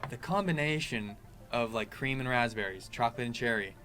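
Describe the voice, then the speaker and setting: A man's voice: mid-range voice, a little fast, pushed and bright. A man giving a loose, informal review in a casual chat, as a pipe tobacco reviewer. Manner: informal, loose delivery full of "like". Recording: music clearly playing behind.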